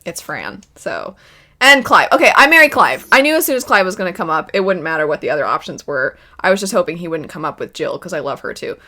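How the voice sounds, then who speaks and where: A woman's voice: lowish voice, sing-song, fast, sharp tone. A woman hosting a casual chat, thinking aloud in a wavering, self-deprecating way. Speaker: video host. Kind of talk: casual chat, playing a pick-one game about video game characters.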